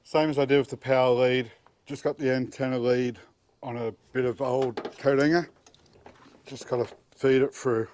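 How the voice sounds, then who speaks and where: Working at a car engine bay outdoors and inside the vehicle cab, a middle-aged DIY presenter walks through a job plainly and practically. His voice is mid-range, steady and darkish, at a moderate pace.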